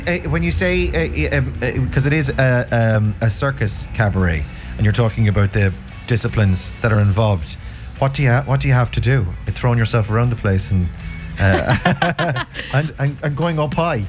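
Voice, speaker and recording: A man's voice: mid-range voice, lively intonation, normal speed, soft background music. A man hosting a casual live radio interview, stumbling and repeating words as he talks. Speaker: radio host. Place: live radio broadcast on location.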